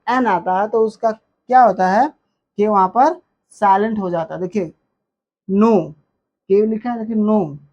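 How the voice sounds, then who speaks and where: A woman teaching a phonics lesson, repeating example words slowly with stretched emphasis. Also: mid-range voice, darkish tone, highs cut off.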